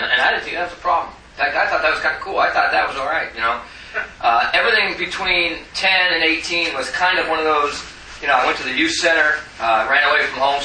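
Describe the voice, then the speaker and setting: A man's voice: fairly high pitch, pushed and bright. A man in his forties from Arizona who tells his recovery story in a rambling, self-mocking way, often chuckling. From Tucson, Arizona, USA. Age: 40s. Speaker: recovery meeting speaker. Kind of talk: personal recovery testimony. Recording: roomy, distant mic, faint hiss.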